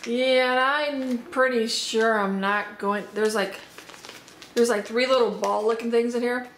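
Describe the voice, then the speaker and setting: Upbeat woman vlogger, a little hoarse, higher voice, chatty snack-tasting review in an echoey room with faint noise. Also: steady tone, a little slow, a bit bright. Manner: chatty, upbeat, thinking aloud. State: slightly hoarse. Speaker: unboxing vlogger. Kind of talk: casual product tasting review. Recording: roomy echo, faint background noise.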